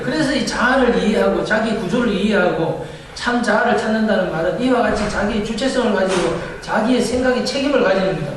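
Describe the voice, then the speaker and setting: A male pastor with a high voice preaches a sermon in a church sanctuary, posing questions to the congregation and answering them himself. The recording is distant and echoey, with slight background noise.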